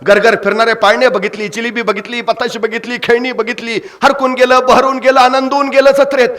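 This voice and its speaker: A man's voice: extremely high pitch, level tone, a little fast, a bit bright. A man with a Marathi accent telling an emotional story in a lecture, dramatic, building up to cries at the peak moments. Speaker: public lecturer. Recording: live stage sound system.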